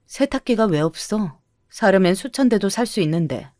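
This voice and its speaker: A woman's voice: mid-range voice, expressive, normal speed, darkish tone, no room sound, clean studio sound, natural voice. A woman voicing a blunt, successful woman near forty who answers in curt, cutting retorts. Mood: scornful.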